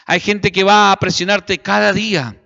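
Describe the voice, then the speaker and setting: Fervent Argentine pastor, high bright voice. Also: male voice, level tone, moderate pace, creaky. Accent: Argentine Spanish. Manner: fervent preaching, calls on the congregation to respond. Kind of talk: sermon. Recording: echoey hall, dull lo-fi sound.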